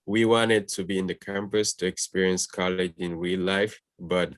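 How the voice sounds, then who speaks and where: A man's voice: deep voice, steady tone, moderate pace, dry recording. A polite, composed young man from Gambia, introducing himself as a student guest on a video call. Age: young adult.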